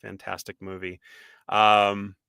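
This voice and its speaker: Man, Boston accent, podcast co-host, animated casual chat, dry sound. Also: fairly low pitch, takes it slowly, creaky, smooth, dry recording. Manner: animated, reads out viewer comments, laughs often. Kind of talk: casual live-stream chat.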